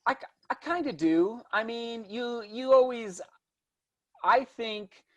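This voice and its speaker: A man's voice: extremely high pitch, takes it slowly, fairly bright tone. A man in his thirties talking casually as an interview guest, enthusiastic and rambling, often restarting his thoughts mid-sentence. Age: 30s. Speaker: interview guest, distance runner and vlogger.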